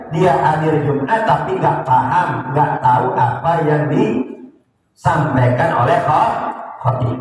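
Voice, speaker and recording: A man giving a lively, teasing sermon lecture in a mosque, often putting questions to the congregation. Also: fairly high pitch, slight background noise. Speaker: ustadz teaching a kitab study. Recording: echoey mosque hall from far off.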